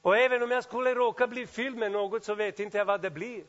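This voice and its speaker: High-voiced animated male preacher. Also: highs cut off. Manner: animated, swings from loud exclamations to quiet asides. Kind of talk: sermon.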